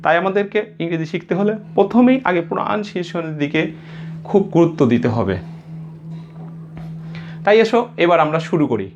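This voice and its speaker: High-voiced Bangladeshi man teaching letter sounds. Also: expressive, fairly quick, pauses often, a little mellow, highs cut off, slight background noise. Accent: Bangladeshi Bengali. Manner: patient, repeats each sound three or four times. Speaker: English pronunciation teacher. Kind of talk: spoken lesson, repeating each letter sound.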